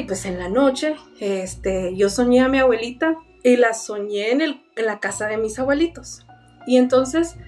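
A young woman earnestly telling a personal story, halting with fillers. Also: on the high side. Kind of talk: personal paranormal testimony. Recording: voice a bit far from the mic, faint music behind.

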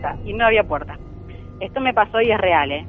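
A woman's voice: mid-range voice, expressive, fast talker, narrow, tinny audio, music in the background. A woman with an Argentine accent telling a true ghost story as a guest, earnest and emphatic, repeating key phrases. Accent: Argentine Spanish.

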